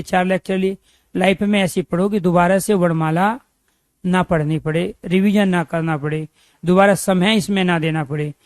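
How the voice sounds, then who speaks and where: A man giving an exam-prep Hindi grammar lecture, drilling students with repeated questions and stretching out key terms slowly. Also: sits high, dry recording.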